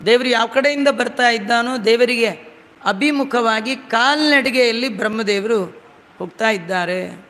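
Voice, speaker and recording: A man giving a devotional storytelling sermon, chanting verses slowly and then explaining them in plain talk with humorous asides. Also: very high-pitched, sharp tone. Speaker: religious discourse speaker. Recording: long hall reverb.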